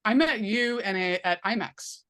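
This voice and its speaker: A woman's voice: mid-range voice, a little slow, fairly bright tone. A woman event manager introducing herself on a video call, friendly and chatty. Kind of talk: casual self-introduction.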